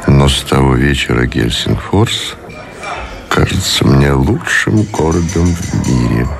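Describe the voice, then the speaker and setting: An actor playing a reserved, dignified naval admiral in a radio drama, speaking in a measured, formal, deliberate way. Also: male voice, rumbling low, lively intonation, creaky, over music, heavily acted. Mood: tender, grave. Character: Admiral Kolchak, reserved, dignified naval officer under interrogation. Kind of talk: Russian radio drama acting.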